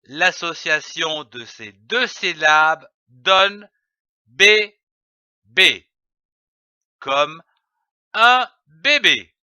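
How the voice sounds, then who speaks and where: A man narrating a reading lesson, spelling out letters and syllables one by one with long, careful pauses. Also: a little high, lively intonation, bright, forceful tone, smooth, dry recording. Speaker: reading teacher. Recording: dull, lo-fi dry voice-over.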